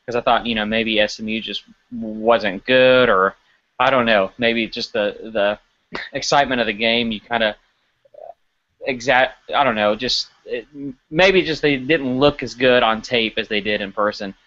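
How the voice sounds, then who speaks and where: A man's voice: mid-range voice, unhurried. Man talking sports on a dull-sounding podcast. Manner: animated, stumbling restarts while analyzing. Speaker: podcast co-host. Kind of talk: casual sports podcast chat.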